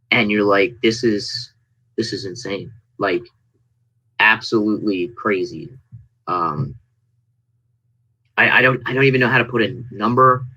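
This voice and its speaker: A man chatting casually as an interview guest, telling stories in an animated way and acting out people's reactions. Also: on the low side, lo-fi sound. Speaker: interview guest, indie wrestling performer. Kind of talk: casual interview chat, anecdotes.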